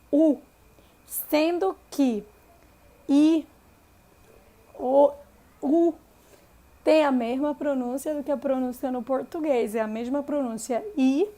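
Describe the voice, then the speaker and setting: High-voiced woman teaching Spanish vowels. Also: warm tone. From Venezuela. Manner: repeats example words slowly for learners. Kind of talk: language lesson.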